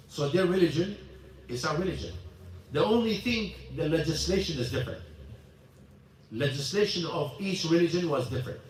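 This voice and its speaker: A man's slightly high voice, with a little hiss or hum on the recording, carries through an echoey mosque hall from a distant mic. He is teaching an informal religious class in broken English and repeats himself often.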